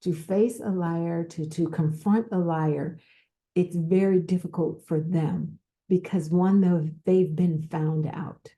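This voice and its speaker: A woman hosting a podcast, giving advice in an unscripted talk, speaking slowly with pauses and repeated words. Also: fairly low pitch, fairly even intonation, dark tone. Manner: slow, repetitive, with pauses and restarts. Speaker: podcast host.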